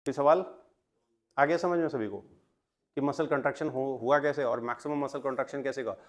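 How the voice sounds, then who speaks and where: A man's voice: mid-range voice, normal speed. A young adult man, teaching biology to a classroom of students. He mixes in English terms, keeps asking the class questions and then answers them himself. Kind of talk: classroom lecture.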